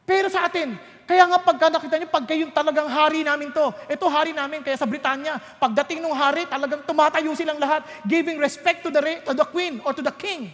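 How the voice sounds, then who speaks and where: A man with a high voice preaches in a church hall, and his words ring out with a long reverb. He tells his stories with energy and acts out the voices of the people in them. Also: brisk. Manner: lively storytelling, code-switching, acting out voices. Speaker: pastor. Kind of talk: sermon.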